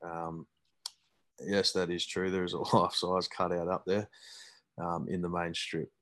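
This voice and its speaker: Young Australian male, very deep register, laconic drawl, dryly self-deprecating, relaxed podcast banter. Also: measured pace. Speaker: podcast guest, amateur footballer. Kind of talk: casual chat.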